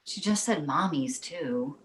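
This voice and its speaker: In a roomy space, a woman reads for an animated comedy as the exasperated, placating mother of a talking baby. She uses a deep, slow, exaggerated voice.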